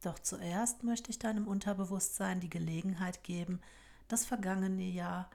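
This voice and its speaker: A woman guiding a relaxation hypnosis in a slow, soft, often whispered voice. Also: mid-range voice, vocal fry. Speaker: hypnosis guide.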